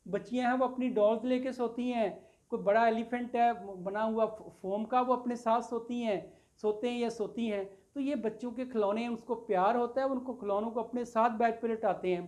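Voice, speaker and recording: A woman's voice: a little high, a little mellow. Woman teacher explaining line by line. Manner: explains line by line, repeating and glossing English words, addresses students as "beta". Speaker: English teacher. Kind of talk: classroom lecture explaining a poem.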